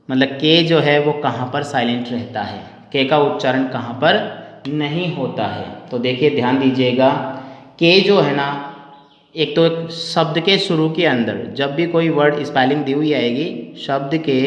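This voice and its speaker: A man teaching English pronunciation in a lesson, often repeating questions back to his students. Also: medium pitch. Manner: repeats questions back to the class, addresses viewers as friends. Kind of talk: classroom lesson explaining pronunciation. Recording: echoey hall, dull lo-fi sound.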